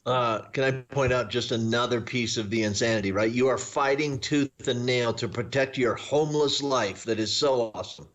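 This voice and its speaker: A man's voice: mid-range voice, moderate pace, hardly any pauses, a bit bright. A man, a doctor co-hosting a podcast, asking questions in a joking, conversational way. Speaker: co-host doctor. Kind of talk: interview podcast.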